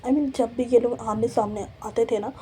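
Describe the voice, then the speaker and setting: A woman narrating a story in a chatty, relaxed storytelling style, often repeating her phrases. Her voice is dark and mellow, sitting a little high. A faint noise sits under the recording. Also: normal speed. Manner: chatty, repeats herself, mixes in English fillers. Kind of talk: casual storytelling.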